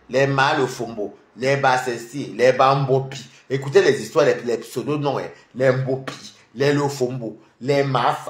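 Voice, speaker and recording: A man doing mocking gossip commentary on a live stream, animated and scornful, often repeating words. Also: mid-range voice. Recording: roomy echo.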